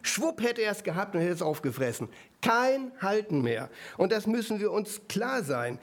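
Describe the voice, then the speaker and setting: Ein Mann predigt mit auffallend hoher Stimme lebhaft und im Plauderton. Er wendet sich immer wieder mit kurzen Rückfragen ans Publikum. Dabei wechselt er zwischen schnellem Reden und langsamer Betonung. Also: male voice, high voice, normal speed. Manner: lively, conversational, with frequent asides to the audience. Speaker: preacher. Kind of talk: sermon.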